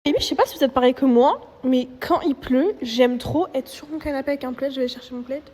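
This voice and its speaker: High-voiced chatty woman at home. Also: brisk, mellow, a little hiss or hum. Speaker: vlogger. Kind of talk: casual chat to followers. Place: at home indoors.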